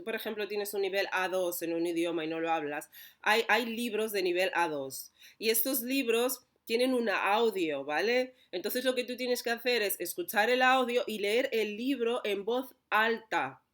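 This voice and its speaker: A woman with a Spain Spanish accent talks straight to camera in a loose, chatty monologue of advice. She stumbles and restarts often, tags her points with quick checks for agreement, and her pitch sits in an ordinary middle range. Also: a bit bright. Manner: chatty, many restarts, keeps asking "¿vale?". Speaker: channel host and coach.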